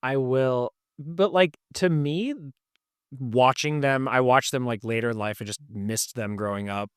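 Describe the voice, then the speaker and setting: A man's voice: medium pitch, clean tone, no echo, clean studio sound. Hesitant man musing on films. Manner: hesitant, halting, with many restarts. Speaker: podcast co-host. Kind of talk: casual movie chat.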